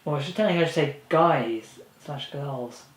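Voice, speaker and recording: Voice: mid-range voice, normal speed. A fan film cast member chatting casually about the shoot, rambling and laughing often. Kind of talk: casual behind-the-scenes chat. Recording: echoey room with faint noise.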